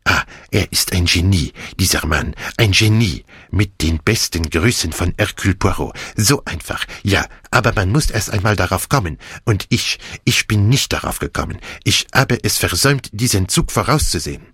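A man voicing an excitable, fussy aging Belgian detective with a theatrical, exclamatory delivery. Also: sits low, normal speed, few pauses, breathy edge, no echo, studio quality, heavily acted. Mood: distraught. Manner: theatrical, exclamatory, self-reproaching.

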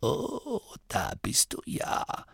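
A man voicing a frail, dying old gnome abbot who can barely speak above a breathy whisper. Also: medium pitch, wildly swooping pitch, very slow, a bit bright, dry recording, voice pushed up, heavily acted. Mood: weary. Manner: faint breathy whisper, weary and dry-witted.

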